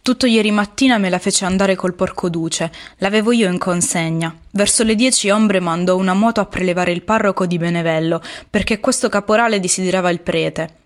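A woman voicing a weary young male partisan fighter in an audiobook, telling his story in a low-key, confiding way. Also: a little fast, hardly any pauses, natural voice.

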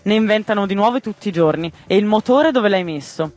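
A man voicing a gruff grey male bird in a storybook reading, harsh and lecturing, over soft music. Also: high-pitched, lively intonation, brisk. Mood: doubtful. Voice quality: harsh, scolding. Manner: huffy, lecturing.

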